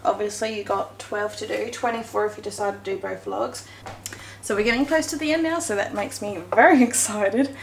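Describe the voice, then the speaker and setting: Speaking briskly with vocal fry at medium pitch, a home cooking vlogger gives a casual baking walkthrough. She chats and corrects herself as she works with her hands, and the kitchen sounds echoey with faint noise.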